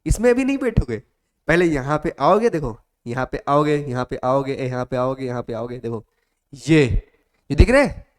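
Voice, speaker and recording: A man's voice: mid-range voice, lively intonation, moderate pace. Coaxing male coaching teacher. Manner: repetitive, coaxing, calls students "beta". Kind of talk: motivational classroom talk.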